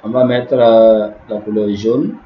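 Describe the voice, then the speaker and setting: A man's voice: lowish voice, fairly even intonation, measured pace, a little hiss or hum. A man teaching a grammar lesson step by step, repeating words and often checking understanding. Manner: repetitive, explaining step by step with frequent "n'est-ce pas". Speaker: language teacher. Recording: echoey room, dull lo-fi sound.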